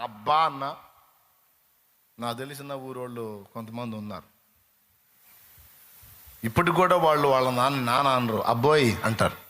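A man preaching a sermon, passionately asking the congregation rhetorical questions and now and then breaking into slow sung hymn lines. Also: medium pitch, pushed and bright. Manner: addresses listeners directly with rhetorical questions.

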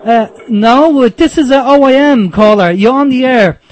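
A male late night call-in radio host. His voice sits remarkably high for a man, and he talks hesitantly, with an unscripted phone-in feel as he handles the caller. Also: moderate pace, muffled recording. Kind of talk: unscripted-sounding phone-in hosting.

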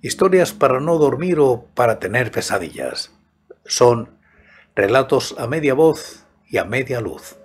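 A man in his sixties narrating a scripted story in a measured, soft-spoken way, close to a studio microphone. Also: medium pitch, sing-song, soft background music. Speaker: host and narrator of horror audiobook channel. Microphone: large studio microphone close to the mouth, headphones.

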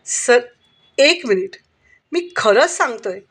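A frightened young male suspect from an audio storybook, as a woman reads him. He pleads and confesses his story. The voice sits somewhat high. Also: lively intonation, slow, fairly bright tone, breathy edge, exaggerated voice. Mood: pleading.

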